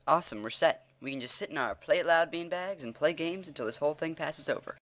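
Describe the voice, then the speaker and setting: A man's voice: fairly high pitch, quick pace, a bit bright, close to an everyday voice. Man voicing a bossy nerdy gamer kid. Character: nerdy young male gamer holed up in a bunker.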